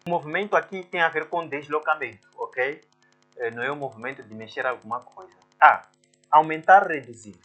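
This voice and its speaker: A man talks through exam answers like a teacher, breaking words into syllables one at a time. His voice is bright and forward. Faint music plays under him. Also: on the high side, a little fast, lo-fi sound. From Mozambique. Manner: explains step by step, sounding out syllables. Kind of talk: exam walkthrough lesson.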